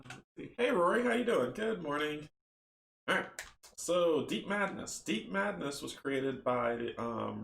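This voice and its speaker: A man casually chatting and reading a horror board game story aloud, relaxed and rambling. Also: medium pitch, gravelly, slight background noise. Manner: relaxed, rambling, laughs at own slips. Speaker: tabletop game player and narrator. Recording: roomy echo.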